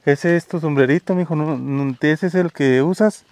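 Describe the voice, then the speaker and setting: A man with a Mexican Spanish accent hosting an on-location vlog outdoors in a rural village, speaking in a folksy, warm way. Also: on the high side, moderate pace. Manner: warm, folksy, talks gently to children. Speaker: host.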